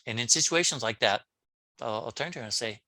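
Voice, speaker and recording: A man, a brain coach on a podcast, talking casually in an interview, telling animated stories with frequent restarts. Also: mid-range voice, a little fast, no echo. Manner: animated storyteller, many restarts.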